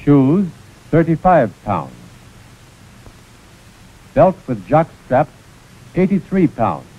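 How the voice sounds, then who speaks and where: A mid-range male voice with a breathy edge narrates a scripted 1940s instructional film. The American narrator is precise and formal, and the recording has the muffled, scratchy sound of a 1940s film soundtrack.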